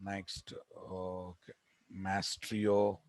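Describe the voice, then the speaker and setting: A man's voice: sits low, completely flat delivery, very slow, a little mellow, no room sound. A man with a Telugu Indian accent teaching a live technical class as an instructor, repeating phrases and putting questions to his students. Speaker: programming instructor. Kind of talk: live technical lecture, explaining and dictating notes. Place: online class recording.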